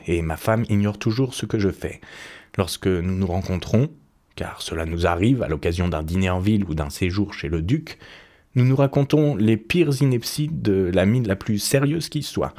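A man reading aloud and voicing a cynical, witty English aristocrat with a languid, ironic manner. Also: on the low side. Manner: languid, ironic, quietly amused.

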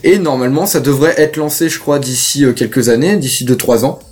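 A man's voice: mid-range voice, brisk, a little mellow. A young man co-hosting a casual podcast, rambling and hesitant with many fillers. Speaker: podcast co-host.

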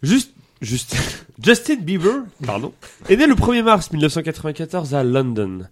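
A man with a somewhat high, very lively voice runs a comedic podcast game show. He reads rules and prize details with playful, jokey asides. His pitch swings widely as he teases the players. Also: fairly quick.

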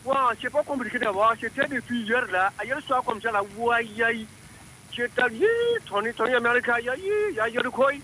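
Excitable man calling in over the phone. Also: very high-pitched, fairly quick, slight background noise. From Burkina Faso. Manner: excitable, exclaiming, broken French. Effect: heard over a phone line. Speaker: caller. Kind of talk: phone-in radio chat.

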